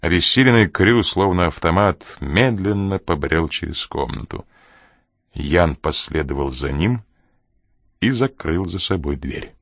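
A man narrating an audiobook in a steady, even reading voice. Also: low-pitched, a little slow, no room sound, studio quality.

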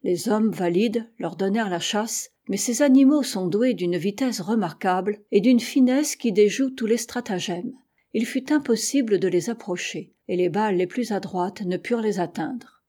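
A woman reading a novel aloud as an audiobook, with steady, measured narration. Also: medium pitch. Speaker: audiobook reader.

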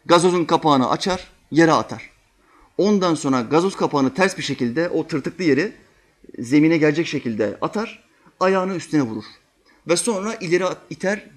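A man giving a religious sermon, telling vivid stories and acting out quotes, swinging between loud and hushed. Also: on the high side. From Turkey. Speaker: preacher.

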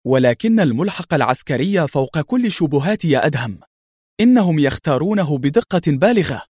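A man's voice: fairly high pitch, very animated, a little fast, a little mellow, slightly rough, no echo, clean studio sound. A man voicing a surprised, formal male ambassador. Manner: astonished, formal.

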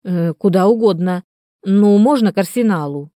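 A woman's voice: mid-range voice, normal speed, warm tone, no room sound, clean studio sound, lightly acted. Woman doing a desperate pleading man. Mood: eager. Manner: pleading, raised and urgent.

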